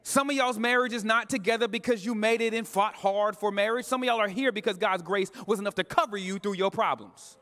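High-voiced pastor preaching in a reverberant sanctuary. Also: male voice, a little fast, few pauses, pushed and bright. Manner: conversational preaching with casual slang, addressing the congregation directly. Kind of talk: live sermon. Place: church sanctuary. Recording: long reverb of a church hall.

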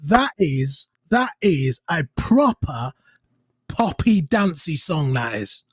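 A man's voice: a little high, big pitch swings, takes it slowly, slightly rough, no echo, faint music behind. A man hosting an interview, chatting eagerly and often restarting his sentences. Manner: enthusiastic, stammering restarts. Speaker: host. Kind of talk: casual interview. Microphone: headset and studio mic.

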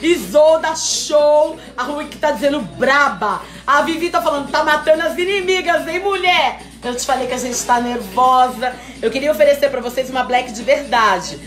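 A high-pitched woman hosting a live sales stream, chatty and teasing as she reads out viewer comments. Her voice rings in an echoey room with faint music behind. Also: moderate pace, few pauses. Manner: lively, chatty and teasing, calls viewers "mulher". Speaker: host selling wigs on a live stream. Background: faint background music.

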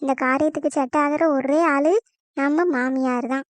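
Very high, dry-voiced scheming young wife, as a woman voices her. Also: fairly even intonation, normal speed, no echo, close to an everyday voice. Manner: sly asides, then fake tearful complaints. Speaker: daughter-in-law. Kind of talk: cartoon comedy voice acting.

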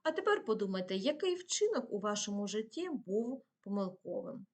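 A woman's voice: medium pitch, very animated, normal speed, darkish tone. A woman teacher giving a patient video lesson to primary pupils, asking questions and answering them herself.

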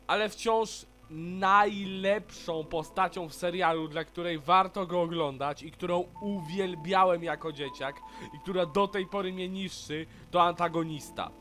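A man talks through a casual cartoon review, frank and chatty with strong opinions. His voice sits fairly high, and soft music plays faintly underneath. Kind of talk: casual video review narration.

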